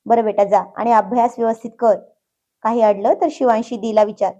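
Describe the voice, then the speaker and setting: A woman's voice: fairly high pitch, fairly even intonation, a little fast, muffled recording, natural voice. A woman voicing a fond, proud mother. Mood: affectionate. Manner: warm-hearted and fond. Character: affectionate, proud middle-aged mother.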